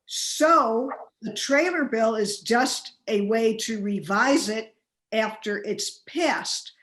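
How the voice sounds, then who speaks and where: Female journalist on a live panel, higher voice, probing, stop-start phrasing. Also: a bit bright, rough recording. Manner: halting, restarting questions, interjecting. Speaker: interviewer, journalist. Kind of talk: live panel interview, questioning.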